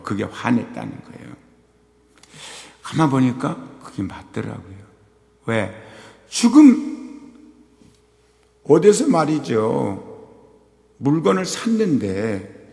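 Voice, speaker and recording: An older man telling a personal story in a sermon, moving between quiet asides and loud, acted outbursts. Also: mid-range voice, vocal fry. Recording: long hall reverb.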